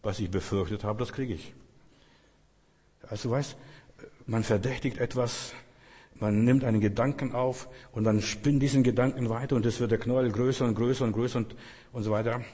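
A man with a husky voice preaches a sermon, pressing his points through earnest repetition and turning straight to his listeners. His words ring out with a long echo in a large hall. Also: mid-range voice, steady tone, moderate pace, mellow.

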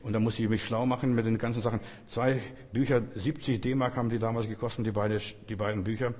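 Husky preacher in an echoing hall. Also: male voice, medium pitch, level tone, quick pace, darkish tone. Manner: earnest, repetitive, speaks directly to the listeners. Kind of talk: sermon. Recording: long echo of a large hall.

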